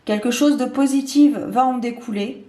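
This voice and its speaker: Woman tarot reader, slightly high voice, hesitant and full of fillers, roomy echo. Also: normal speed, warm tone. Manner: hesitant, many fillers and restarts. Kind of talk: casual tarot reading to camera. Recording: echoey room.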